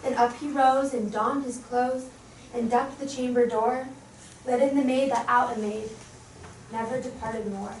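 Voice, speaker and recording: In a stage production of verse drama, a woman with a fairly high, steady, slightly mellow voice lightly acts a young noblewoman undone by grief. Unhurried and distracted, she drifts from speaking into fragments of song. The recording is distant and echoey, captured in a hall with slight background noise.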